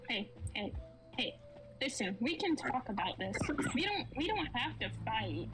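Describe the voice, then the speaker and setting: High-voiced panicky woman gamer. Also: sing-song, measured pace, low-quality recording. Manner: nervous, panicky, stammering. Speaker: co-player on a gaming stream. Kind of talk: casual gaming chat. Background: game music and typing.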